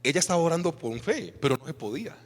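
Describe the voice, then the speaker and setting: Male pastor, Colombian Spanish accent, higher voice, sermon in a long-reverb church hall. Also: fast talker. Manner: animated preaching with rhetorical questions to the congregation.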